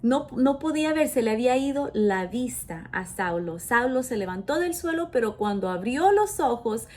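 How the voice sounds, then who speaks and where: A woman's voice: on the high side, expressive, darkish tone. A woman pastor giving an emphatic sermon, reading scripture aloud and often correcting herself mid-phrase. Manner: slow, emphatic preaching with self-corrections.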